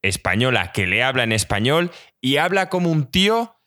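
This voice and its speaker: A man's voice: medium pitch, very animated, moderate pace, bright, forceful tone. A man with a Spain Spanish accent, arguing emphatically and swearing a lot as a podcast co-host in heated casual chat.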